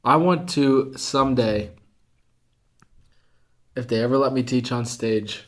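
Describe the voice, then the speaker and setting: A man's voice: medium pitch, slow pace. A man with a mid-range voice bantering in a playful way, dropping "bro" and "dude" as he makes a half-joking case for his point. His tone stays easygoing and chatty. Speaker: student ministry podcast co-host. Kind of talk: casual chat.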